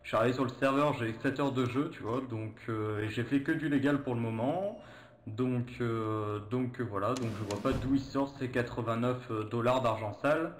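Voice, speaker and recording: Homme hésitant dans une pièce qui résonne. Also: male voice, mid-range voice, moderate pace, echoey room, a little hiss or hum. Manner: hesitant, filler-heavy explanation. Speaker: player. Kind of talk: casual voice chat.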